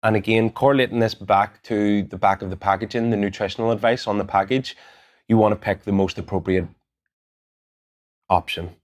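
Man, Northern Irish accent, thirties, lowish voice, methodical tutorial, lapel mic, gym studio. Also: brisk. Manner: calm, methodical, instructive. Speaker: gym coach. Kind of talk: step-by-step app tutorial. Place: gym studio in front of a branded backdrop.

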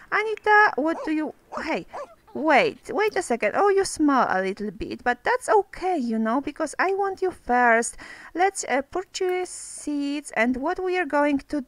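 A high, lively woman hosts a let's play with casual gameplay commentary, chatting away in non-native phrasing and talking to her characters. She's getting sick, so her voice sounds a bit off.

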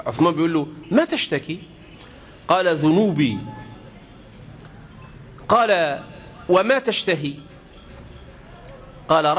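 A man with an Egyptian Arabic accent preaching a sermon, telling stories and voicing each speaker's questions and answers. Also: a bit bright. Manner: acts out dialogue, rising high for questions and dropping low for replies. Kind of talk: sermon storytelling.

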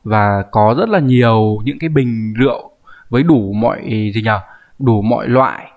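A man's voice: mid-range voice, normal speed, darkish tone. A man teaching a grammar lesson, explaining patiently and often checking in with the viewer. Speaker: Japanese language teacher.

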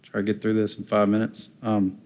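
A man giving a hurried conference presentation, with frequent fillers and restarts. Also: fairly low pitch, monotone, darkish tone, a little hiss or hum. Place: conference room.

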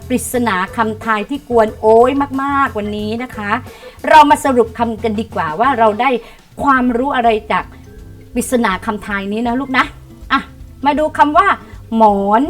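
A middle-aged woman teaches primary pupils in an online lesson, her voice a little high. She coaxes them gently and spells out each word slowly so they can say it back. Faint music plays under her voice. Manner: warm coaxing teacher talk, reads words aloud slowly for pupils to repeat.

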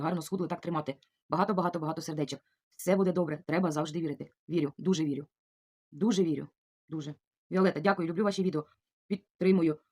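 Fast-talking chatty middle-aged woman. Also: low voice. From Ukraine. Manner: warm, chatty, repeats thanks over and over. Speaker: vlogger answering viewer comments. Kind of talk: casual chat.

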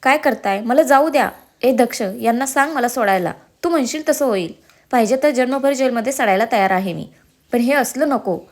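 Lady narrator doing a scared young guy begging, high and loud, storybook. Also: a little fast, lightly acted. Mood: pleading. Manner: pleading, crying out in pain. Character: terrified young man begging under a whipping.

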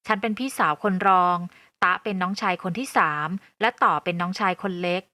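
A woman narrating a first-person audio novel in a calm, even storytelling voice. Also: lowish voice, a little fast, no echo.

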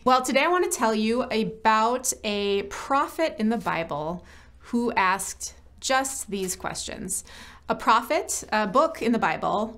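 A woman from church ministry staff giving a short devotional message, telling a personal story gently and reflecting on scripture. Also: medium pitch.

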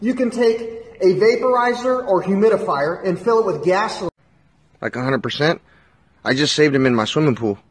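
A man in his thirties giving an absurd comedy monologue, moving from flat deadpan remarks to frantic screaming. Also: high voice, normal speed. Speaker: comedic vlogger.

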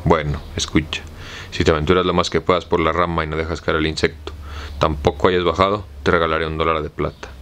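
A man with a Mexican accent reading the part of an excitable, obsessed gentleman in an audiobook, in a slow, plain way. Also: rumbling low, smooth. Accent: Mexican Spanish.

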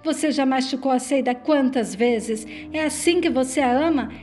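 A defiant, gravely ill woman, voiced by a woman reading her lines. The voice sits high and mellow, and the delivery is quick and plain. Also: soft background music, close to an everyday voice.

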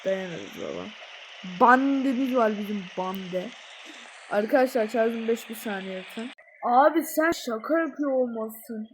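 A woman giving let's-play commentary, jumpy, swinging from muttering to panicked yelling, with playful sing-song chanting. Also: on the high side, measured pace, a little hiss or hum, rough recording. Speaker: gamer.

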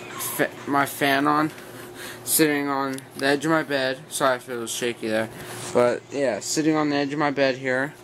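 A young man vlogging casually in a rambling, blunt way, his speech slightly slurred by wearing a retainer. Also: mid-range voice. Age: teens to young adult. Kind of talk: casual rant to viewers. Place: small bedroom, sitting on bed. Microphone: built-in device mic at arm's length. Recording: clear steady fan noise, bedroom ambience.

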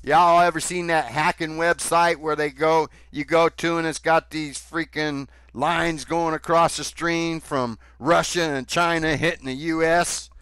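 A man's voice: on the high side, steady tone, measured pace, hardly any pauses, a bit bright, smooth, no echo. A man hosting a commentary video, mocking played clips with sarcasm and swearing. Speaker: commentary host.

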